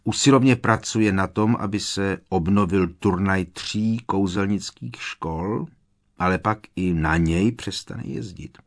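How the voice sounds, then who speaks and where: A man narrating an audiobook in a steady, measured storytelling voice. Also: sits low. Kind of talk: audiobook reading.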